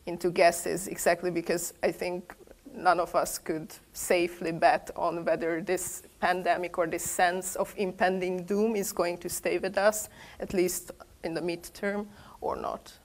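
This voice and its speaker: Woman panelist, monotone, measured and cautious. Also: fairly low pitch. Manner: hedging, careful. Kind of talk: panel discussion. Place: large room with a seated audience.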